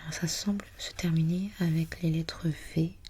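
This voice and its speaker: A woman whispering breathily as in a library, reading aloud for ASMR in a hushed, unhurried, musing way. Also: low voice, fairly even intonation, slightly rough. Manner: hushed, unhurried, murmuring to self while reading. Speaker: ASMR host.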